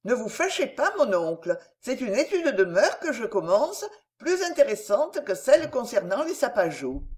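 A woman's voice: very animated, normal speed. A woman reading an audiobook, voicing an outspoken, cheeky young girl with a raised, pert tone. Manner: pert and forthright, higher and brighter than the narration. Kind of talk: audiobook character dialogue.

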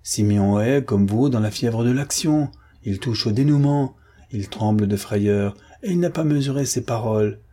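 A man voicing a calm, confident gentleman who speaks in an assured, reassuring way in an audiobook. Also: mid-range voice, normal speed, natural voice.

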